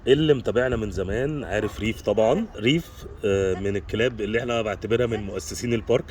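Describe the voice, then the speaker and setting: Brisk Egyptian man talking to dogs. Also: on the low side, a little mellow. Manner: brisk, gives short commands and praise to dogs. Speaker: dog trainer and dog park owner. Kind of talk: casual vlog with dog commands. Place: dog park.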